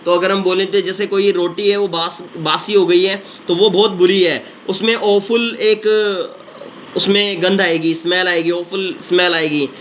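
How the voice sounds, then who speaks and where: A man teaching vocabulary in an energetic exam-prep lesson, chanting memory tricks in a sing-song way. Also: high-pitched, a little slow. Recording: slightly dull lo-fi sound with faint noise.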